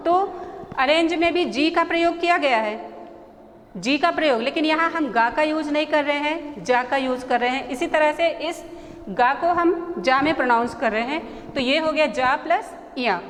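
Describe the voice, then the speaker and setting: A woman teacher with an Indian accent, slowly explaining letters and their pronunciation, often repeating herself and checking whether the class understands. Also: high-pitched. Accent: Indian English. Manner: slow, repetitive explaining, mixing Hindi and English, checks understanding. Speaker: English teacher. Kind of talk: classroom lesson explaining spelling. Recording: echoey room with faint background noise.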